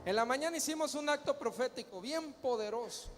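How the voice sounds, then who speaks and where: A man's voice: extremely high pitch, lively intonation, a little fast. A man preaching a sermon as pastor, emphatic, firing rhetorical questions and calling the crowd to answer. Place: large church hall. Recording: long hall reverb with faint music.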